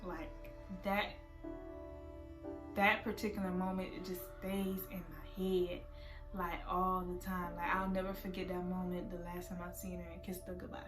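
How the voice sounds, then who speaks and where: A quiet, soft-spoken woman from South Florida telling a reflective personal story in a storytime vlog. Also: on the low side, flat delivery, moderate pace. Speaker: vlogger. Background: soft background music.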